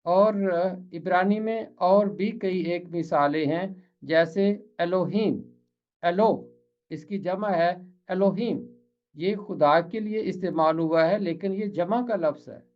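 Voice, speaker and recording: A man with an Urdu accent from Pakistan, teaching pronunciation in a slow, explanatory lesson and repeating words carefully to model them. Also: high-pitched, dull audio.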